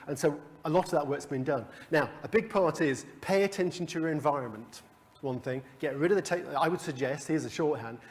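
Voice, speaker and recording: A man leading a coaching workshop for a live group, talking conversationally with restarts and chuckles. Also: fairly high pitch. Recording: long hall reverb.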